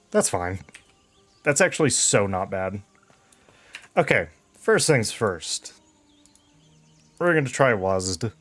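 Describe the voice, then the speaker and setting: A man's voice: medium pitch, fairly bright tone. A man giving casual game commentary, easygoing and thinking aloud as he plays. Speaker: game streamer.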